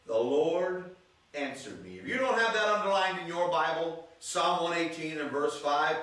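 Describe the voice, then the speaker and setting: Heard from a distance in an echoey church sanctuary, a male pastor reads scripture and calls out to his congregation while preaching. His voice is on the high side and a bit bright, with lively intonation and a moderate pace.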